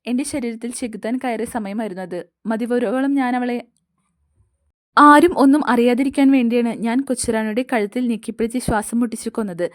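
A woman's voice: fairly high pitch, natural voice. A woman reading a guilt-ridden young man. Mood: remorseful. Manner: halting, guilt-ridden confession. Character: troubled young man confessing a crime.

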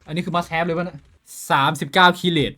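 A man streaming a game live, talking with his viewers in a profane, excitable way that swings between loud outbursts and quiet muttering. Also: a little high, fast, faint music behind. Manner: switches between shouting and muttering. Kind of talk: casual live-stream commentary.

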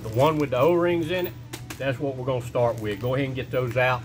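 A middle-aged shop owner in his indoor workshop shows a repair step by step in casual how-to talk with folksy phrasing. His medium-pitched voice is fairly even and quick, with a noisy background and music playing underneath.

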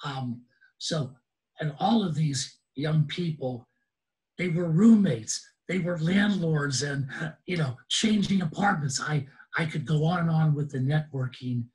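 A man's voice: on the high side, unhurried, a little mellow, poor audio. A man in his sixties, an enthusiastic guest speaker who laughs often, talking on a video call. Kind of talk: casual webinar talk.

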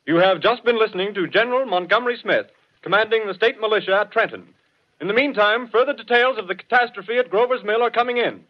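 High-voiced old newsreel announcer. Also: male voice, fast. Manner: crisp formal bulletin delivery. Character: male studio announcer reading urgent bulletins. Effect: old newsreel-style broadcast announcing. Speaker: radio announcer. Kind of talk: 1930s radio drama. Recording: dull lo-fi 1930s radio recording.

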